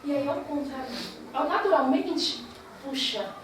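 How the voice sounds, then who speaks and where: A woman's voice: sits high, unhurried. A woman preaching to a congregation, earnestly urging her listeners. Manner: earnest, exhorting. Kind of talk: sermon to a congregation. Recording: echoey hall, distant mic, noisy.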